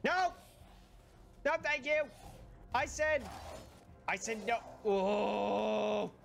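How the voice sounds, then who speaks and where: A game streamer commentating live gameplay, excitable, swearing a lot and yelling at the game. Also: high voice, takes it slowly, faint music behind.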